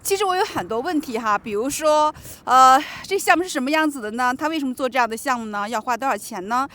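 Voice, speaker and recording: A woman with a high, expressive, fairly bright voice talks quickly while hosting her own channel. Recorded on a handheld camera, she narrates her vlog as she walks through the snow to a home, then asks interview questions.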